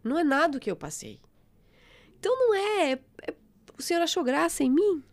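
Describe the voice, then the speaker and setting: A middle-aged woman, giving a fervent, expressive testimony of faith as a guest. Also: high-pitched, a little fast.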